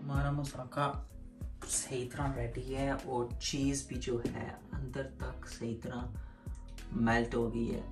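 Speaking slowly in a level, mid-range voice, this cooking vlogger explains every step to his audience in a relaxed, chatty way. He's filming in his home kitchen, where the sound echoes and background music plays.

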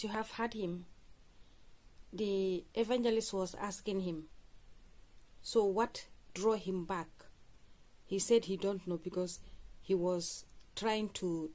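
Female host, lower register, conversational reaction commentary, recaps each clip for viewers. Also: darkish tone. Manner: recaps and repeats what was said, addresses viewers.

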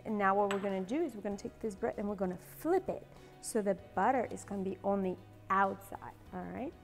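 Talking fast in a mid-range voice, this cooking show host in her forties leads a demonstration in a big home kitchen with a playful, put-on Southern accent. She's bubbly and chatty and laughs a lot; the audio has a long reverb tail and faint music behind her.

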